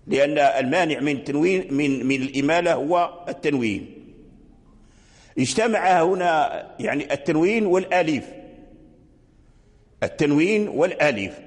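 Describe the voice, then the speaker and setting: An older man teaching Quranic readings in a lecture, explaining slowly with repetition and chanting the verse examples. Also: a little high. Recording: long hall reverb.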